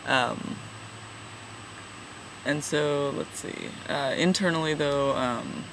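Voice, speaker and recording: Young man, twenties, casual vlogger; halting and self-deprecating, slow delivery over a steady hum. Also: a little high. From California, USA. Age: 20s. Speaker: vlogger, regular channel contributor. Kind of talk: casual personal vlog.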